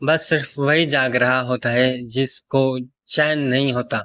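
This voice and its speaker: A man voicing a young woman in a story, speaking more quietly than his narration. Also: medium pitch, fairly even intonation, dry recording, close to an everyday voice. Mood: urgent. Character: young woman narrating her own secret affair.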